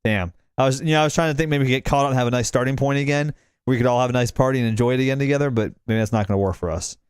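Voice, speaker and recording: A man's voice: medium pitch, smooth, dry recording, clean studio sound. A man co-hosting a podcast in casual chat, ranting with profanity. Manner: quick, animated, profane ranting. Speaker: podcast co-host.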